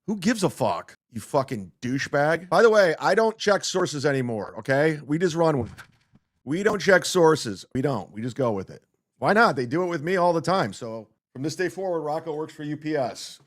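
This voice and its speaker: A man's voice: on the high side, sing-song, normal speed. A man hosting a podcast, ranting in a heated, profane and mocking way. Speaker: podcast host. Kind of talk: casual ranting monologue.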